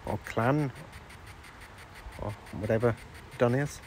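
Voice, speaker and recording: A man on a ghost hunt, slowly and patiently putting questions to unseen spirits at an old estate ice house. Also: medium pitch, a little mellow, a little hiss or hum. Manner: slow, coaxing questions to an unseen listener. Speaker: ghost hunter.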